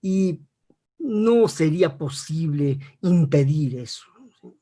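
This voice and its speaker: Brief: male expert guest, a bit high in pitch, teacherly answers with frequent tag questions and measured hesitations. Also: expressive, dark tone. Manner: didactic, checks in with frequent rhetorical tags. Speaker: interview guest, academic expert. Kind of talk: explanatory interview answer.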